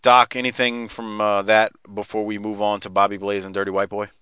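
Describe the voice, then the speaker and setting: Male podcast host, bright and crisp, conversational, casual wrestling chat, dry sound. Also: on the low side, level tone, brisk, dry recording. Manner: conversational, directing co-hosts.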